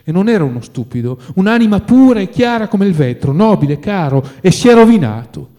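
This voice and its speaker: A man voicing a calm, kind and firm gentleman who speaks in a measured, reflective way. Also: high-pitched.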